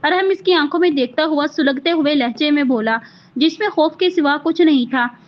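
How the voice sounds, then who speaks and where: Woman reading a romance novel out loud, high voice, kinda muffled lo-fi audio. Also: normal speed. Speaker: novel narrator.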